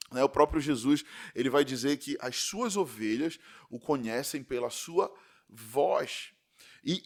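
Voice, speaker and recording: Brazilian pastor preaching conversationally. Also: male voice, on the high side. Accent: Brazilian Portuguese. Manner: conversational preaching with frequent "né?" and "tá?" tag questions. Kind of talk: podcast sermon.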